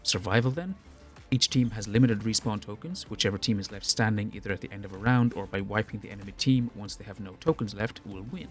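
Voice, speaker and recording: A man reading a scripted, measured commentary on game balance for a gaming video. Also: on the low side, faint music behind. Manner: measured, explanatory.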